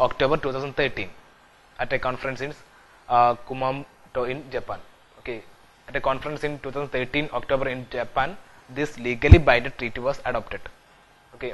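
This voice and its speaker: Recorded with some hiss or hum on low-quality audio, this medium-pitched young man from India lectures on video for civil services exam preparation. He works from an indoor studio classroom with a whiteboard screen, going over key points again and again with plenty of "so" and "okay."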